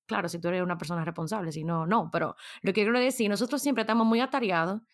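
A woman giving a casual motivational talk, conversational and full of rhetorical questions aimed at the listener. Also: mid-range voice. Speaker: motivational speaker.

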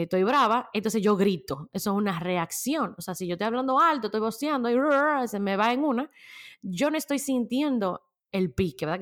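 A woman talking casually as a podcast host about handling emotions, chatty, laughing often and tossing in slang. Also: mid-range voice. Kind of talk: casual self-help talk.

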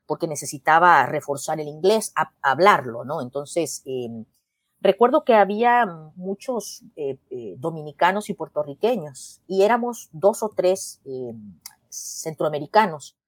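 A woman's voice: sits low, lively intonation, measured pace, dry recording. A middle-aged woman from El Salvador, a poet talking casually in an interview, thoughtful and restarting her sentences, ending points with a questioning tag. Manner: thoughtful, with frequent restarts and "¿no?" tags.

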